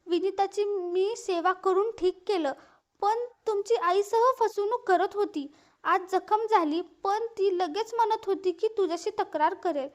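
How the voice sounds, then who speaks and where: A scheming older mother with a very high, piercing voice, as a woman reads her lines. She talks in a sharp, accusing way and blames others. She is a figure in a spoken family story. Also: unhurried.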